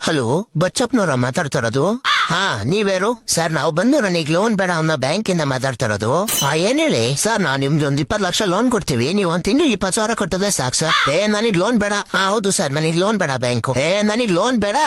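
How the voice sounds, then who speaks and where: A man performing a comic skit as a bank loan caller, using fast sing-song salesman patter. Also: sits high, big pitch swings. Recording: noisy background.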